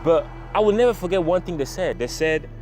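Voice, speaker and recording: A man's voice: a little high, animated, brisk, darkish tone. A man from the Congo giving an earnest, emphatic motivational talk to camera, repeating phrases for effect. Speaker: motivational vlogger. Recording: music playing underneath.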